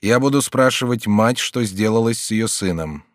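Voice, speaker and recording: A man voicing a calm but firm male doctor who questions a patient steadily and insistently in an audiobook. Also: lowish voice, moderate pace, dry recording, studio quality, natural voice. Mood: urgent. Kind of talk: audiobook character reading.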